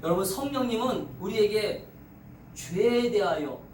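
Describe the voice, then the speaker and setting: A man's voice: high-pitched, expressive, measured pace, darkish tone, recorded from a distance. Man, pastor, revival sermon, call-and-response, echoey sanctuary, faint room noise. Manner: call-and-response preaching, rising to fervent exhortation. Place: church sanctuary. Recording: echoey church from off-mic.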